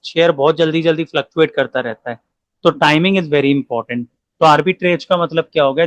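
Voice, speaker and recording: A male commerce teacher with an Indian accent gives a recorded lecture, explaining in everyday speech, asking rhetorical questions and reading English definitions slowly. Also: fairly high pitch, fairly bright tone, no room sound, low-quality recording.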